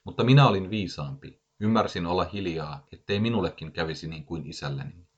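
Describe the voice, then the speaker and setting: A man voicing a paranoid, furious gunman of about forty who makes threatening, ranting accusations, heard in a dull lo-fi recording. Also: low voice. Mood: menacing.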